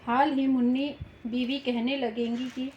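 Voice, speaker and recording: A woman's voice: high-pitched, level tone, unhurried, slight background noise. A woman voicing a chatty married sister-in-law in an audiobook, talking in a folksy, lecturing way. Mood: sympathetic. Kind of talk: audiobook reading. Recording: roomy, slightly dull home recording.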